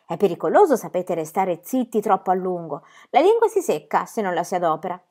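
A woman's voice: on the low side, sing-song, brisk, dark tone. A woman reading a storybook aloud and voicing a bold, cheeky little girl who tells exuberant tall tales. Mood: boastful. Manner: exuberant, theatrical, tall-tale telling.

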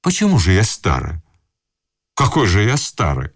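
A man voicing a flustered elderly gentleman in a raccoon coat, fussy and pleading with wounded dignity. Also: low voice, wildly swooping pitch, moderate pace, slightly rough, no echo, clean studio sound, pitched above the performer's own voice, exaggerated voice. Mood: fretful pleading. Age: older.

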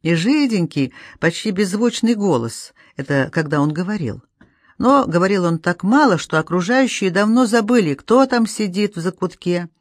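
A woman reading a novel aloud as an audiobook, calm and measured. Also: medium pitch, no room sound, clean studio sound. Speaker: audiobook reader.

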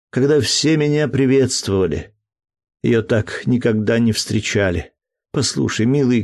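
A man's voice: medium pitch, a little mellow, close to an everyday voice. A man reading an audiobook, voicing a tender, playful young woman in love in a raised, breathless voice. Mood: ecstatic.

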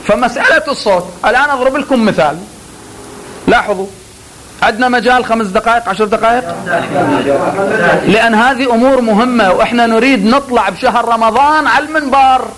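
A man's voice: very high voice, fast talker, fairly bright tone, poor audio. A man teaching pulpit oratory in a classroom lecture, drawing out words to demonstrate delivery and talking to his students with joking asides.

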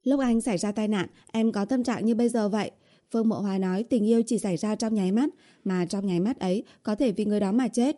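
A woman's voice: mid-range voice, fast, mellow, pitched above the performer's own voice, natural voice. A woman voicing a whiny young woman who pleads and sweet-talks her boyfriend, read in an audiobook. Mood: coaxing. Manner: pleading, coaxing. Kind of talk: audiobook character voice.

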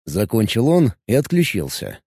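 A man narrating an audiobook in an even, unhurried storytelling manner. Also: lowish voice, breathy edge, dry recording, studio quality. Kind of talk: scripted narration.

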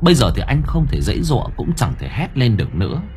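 A man's voice: mid-range voice, wildly swooping pitch, fast talker, darkish tone, soft background music. A man narrating a horror story in a dramatic storytelling manner. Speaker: audiobook narrator.

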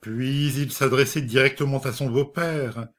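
Man, audiobook narrator, slow measured reading, mid pitch. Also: fairly even intonation, a bit bright. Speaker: audiobook reader. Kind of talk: scripted narration of a short story.

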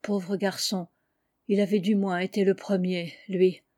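A woman reading a literary story aloud in a calm, measured way as an audiobook narrator. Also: medium pitch. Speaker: audiobook reader.

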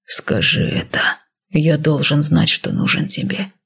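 A woman's voice: deep voice, little pitch movement, unhurried, fairly bright tone, heavily acted. Woman reading a possessive commanding husband. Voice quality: husky, breathy. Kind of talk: audiobook reading.

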